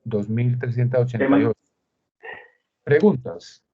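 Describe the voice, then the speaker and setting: Colombian guy teaching a spreadsheet class on a video call, middle pitch, kinda dull muffled audio. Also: a little slow, dark tone. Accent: Colombian Spanish. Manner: explains step by step with rhetorical questions. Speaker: instructor. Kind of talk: screen-share tutorial.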